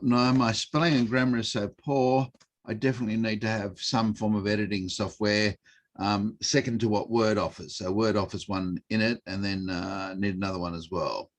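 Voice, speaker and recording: A middle-aged man presents an online workshop over a video call. He talks in a relaxed, hesitant way, with many fillers. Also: fairly low pitch. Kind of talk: online teaching session.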